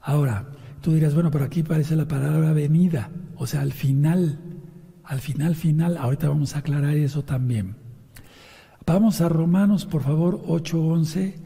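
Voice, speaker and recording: Hoarse after an operation left him with sinusitis, this man preaches from scripture, reading passages and explaining them while questioning and instructing his audience directly. His fairly high, mellow voice moves at a moderate pace, and the recording carries the long reverb of a large hall.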